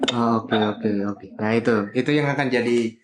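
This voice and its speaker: A man hosting a casual podcast, asking relaxed, friendly questions and sharing his own teaching past. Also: mid-range voice, normal speed, crowd noise. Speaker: podcast host.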